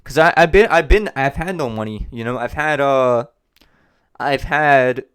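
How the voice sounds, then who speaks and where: A man's voice: medium pitch, unhurried, a bit bright, clear, resonant tone. A man hosting a business vlog, talking casually to camera and repeating himself as he rambles. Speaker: host of a business channel.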